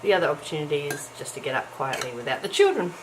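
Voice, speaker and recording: Early in the morning at home, a middle-aged woman crafts and talks to her vlog audience in a low-pitched, very animated voice at a very fast pace, croaky from having just woken up. Her chatter is self-deprecating and dotted with ums and little laughs. It's a noisy recording from the camera's built-in mic.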